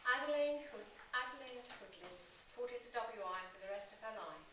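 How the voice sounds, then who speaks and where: A woman's voice: on the high side, normal speed. A woman presenting at a live meeting, reading scripted narration and introducing speakers. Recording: echoey hall from far off, clear background noise.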